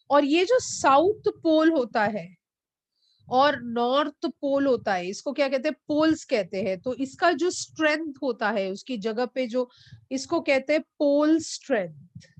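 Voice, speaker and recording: Slow, deliberate physics teacher, woman. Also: a little high, dry recording. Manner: mixes English and Hindi, quizzes students by name. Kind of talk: online class lecture. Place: online classroom.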